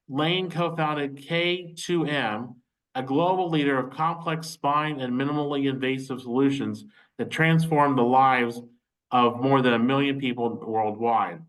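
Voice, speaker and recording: A male webinar host on a video call, reading a scripted speaker introduction in a measured way with small slips. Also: medium pitch, fairly bright tone, low-quality recording.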